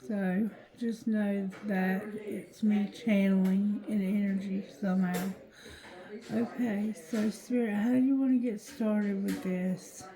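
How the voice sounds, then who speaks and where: A tired, drowsy woman doing a casual card reading, with thick-tongued, slightly slurred speech and a halting, repetitive delivery. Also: medium pitch, fairly even intonation, a crowd in the background, low-quality recording. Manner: slow, halting, repeats phrases. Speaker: tarot reader.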